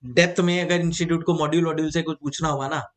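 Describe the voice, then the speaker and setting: Lively, high-pitched male teacher. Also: fast talker, crowd noise. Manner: lively, mixes English into Hindi, repeats key points, calls students "beta". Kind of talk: exam-prep lecture.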